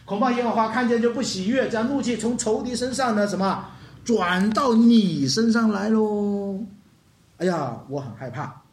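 A preacher giving an animated sermon, dropping English words into the talk and asking the congregation questions. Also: mid-range voice, normal speed, a little hiss or hum. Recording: echoey hall.

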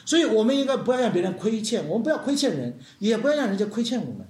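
A high-voiced male preacher delivers a lively sermon, with his pitch swinging widely as he questions the congregation. His voice rings through an echoey room. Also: racing. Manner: animated, questioning the congregation, acting out stories.

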